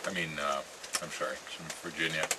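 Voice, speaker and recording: An American man chatting casually in a rambling vlog, musing and halting, with phrases that trail off. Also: a bass voice, fairly even intonation. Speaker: pipe-smoking vlogger. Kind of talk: casual rambling chat to camera. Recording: clear ambient noise with birdsong.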